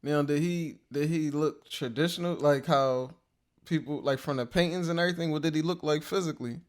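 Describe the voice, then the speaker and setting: Man, interview host, somewhat high voice, hesitant questions. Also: a little fast.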